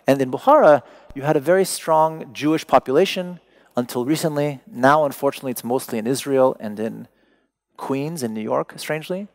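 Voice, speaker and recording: Speaking English as a second language after Persian, this man delivers a conversational public talk from a stage in a big, dimly lit hall full of seated listeners. His voice is mid-range, and he gropes for words before landing on them with deliberate emphasis.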